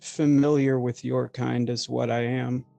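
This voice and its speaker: A man playing a reserved, formal vampire in a tabletop game, speaking in measured, terse, guarded lines. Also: medium pitch, level tone, vocal fry, dark tone, no room sound, faint music behind. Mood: cool, probing.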